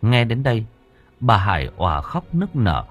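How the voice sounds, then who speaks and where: A man narrating an audiobook story in an expressive storytelling manner. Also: fairly low pitch, moderate pace, husky, highs cut off. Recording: narration with faint music.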